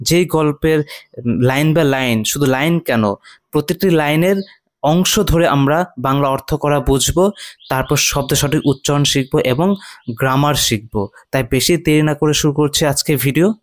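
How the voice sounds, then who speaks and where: Guy teaching english in bengali, reads lines slow then explains, kinda high voice. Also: no room sound. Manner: often checks in with "ঠিক আছে?". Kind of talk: slow line-by-line English reading lesson.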